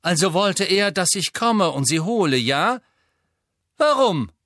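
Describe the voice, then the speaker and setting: A man's voice: high-pitched, sing-song, fairly bright tone, no room sound, studio quality, pitched above the performer's own voice, heavily acted. A man doing Lucius Malfoy, drawling villain. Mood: sneering. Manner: slow, drawling, menacing. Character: cold, sneering aristocratic male wizard villain.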